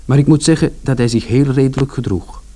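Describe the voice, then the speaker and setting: In a first-person radio drama, a man voices a working-class son who tells his story plainly and confidingly in everyday speech. He has a medium-pitched, mellow voice with a brisk, lightly acted delivery, and the mood stays subdued and sad.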